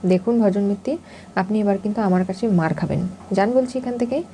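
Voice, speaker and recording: Scheming bossy young bride, read by a woman, scolding and coaxing, dark even voice. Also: mid-range voice, brisk, slight background noise, close to an everyday voice.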